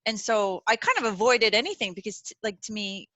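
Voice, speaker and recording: A woman hosts an online webinar in a relaxed, chatty way, filling her talk with "like" and "you know" as she reassures her guests. Her voice is bright and lively. The sound is dry and close, as on a video call. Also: mid-range voice, a little fast, no echo. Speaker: webinar host. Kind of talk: casual chat.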